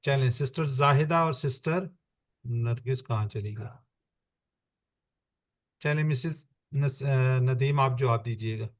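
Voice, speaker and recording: A male teacher at a mid-range pitch leads an online grammar lesson, speaking over a computer mic on a video call. He repeats each point patiently and slowly builds it up step by step, then calls on students one at a time.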